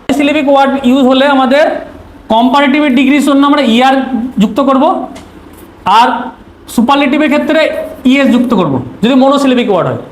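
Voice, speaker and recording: Guy from teaching grammar, super high voice, roomy echo, quizzes himself out loud. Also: quick pace, pauses often. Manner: asks rhetorical questions then answers them; repeats key terms to drill them. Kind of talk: exam-prep grammar lesson. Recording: roomy echo, faint noise.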